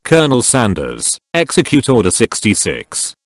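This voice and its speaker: A man narrating forum posts aloud in an even, unhurried reading delivery. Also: mid-range voice, dry recording. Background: faint background music.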